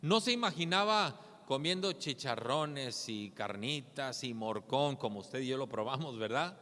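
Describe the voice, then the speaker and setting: Earnest pastor preaching in reverb. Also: male voice, mid-range voice, lively intonation, unhurried, pushed and bright. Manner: earnest, asks rhetorical questions with a tag "¿verdad?". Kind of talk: sermon.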